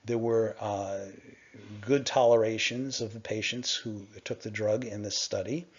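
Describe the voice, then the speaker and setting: A middle-aged man on a conference call, presenting to investors in a measured, explanatory way with frequent "uh" pauses. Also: on the low side, fairly even intonation, slightly rough. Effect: conference call line. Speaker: company executive presenting to investors. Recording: dull lo-fi conference call audio.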